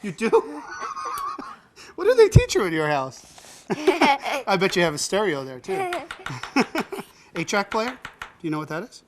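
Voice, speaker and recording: A man's voice: high-pitched, huge pitch swings, unhurried, pauses often, background noise. A man hosting a cooking show, teaching a child with playful jokes and frequent laughs. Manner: joking, laughs often, talks to a child as "buddy". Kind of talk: teaching kids to cook, playful banter.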